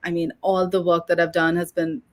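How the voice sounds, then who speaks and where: A woman author and oral historian answering interview questions in a measured, reflective way, slightly hoarse and pausing with fillers. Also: on the low side, flat delivery. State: losing her voice.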